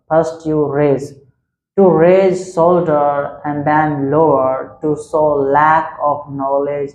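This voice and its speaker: A man teaches English vocabulary at a slow, deliberate pace. He spells each word letter by letter and goes over every definition again and again. His voice carries a roomy echo. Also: a little high, darkish tone. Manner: repetitive, spells words letter by letter. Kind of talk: vocabulary lesson. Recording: echoey room.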